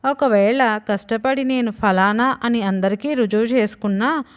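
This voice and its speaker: A woman voicing a stern fifty-year-old father stuck in a small boy's body, who scolds and frets in a slightly high voice. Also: measured pace, smooth, close to an everyday voice. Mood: fretful.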